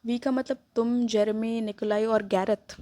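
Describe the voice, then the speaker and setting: A woman's voice: fairly high pitch, fairly even intonation, moderate pace, mellow, no room sound, natural voice. A woman voicing a defiant, easily irritated young woman who answers with sarcasm, in a dry-sounding recording. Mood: exasperated. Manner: snappish, sarcastic. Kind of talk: read-aloud story dialogue.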